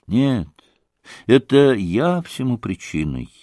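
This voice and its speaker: An actor playing a gentle young man who speaks quietly and contritely. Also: mid-range voice, big pitch swings, slow pace, no room sound, studio quality. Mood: ashamed.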